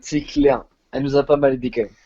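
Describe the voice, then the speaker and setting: A man's voice: medium pitch, level tone, brisk, warm tone, lo-fi sound. A young French man chatting casually and laid-back, using slang. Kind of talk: casual chat.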